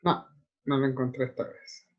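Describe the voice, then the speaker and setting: A man's voice: medium pitch, fairly even intonation, normal speed, muffled recording. A man teaching a music theory class, explaining step by step and often checking that students follow. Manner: explanatory, checks understanding with frequent tag questions. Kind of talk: online theory class lecture.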